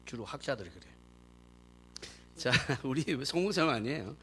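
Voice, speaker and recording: A man preaching a sermon in church as pastor, animated and emphatic, acting out quoted speech. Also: medium pitch, moderate pace, slight background noise. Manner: acts out quoted speech in dramatic voices.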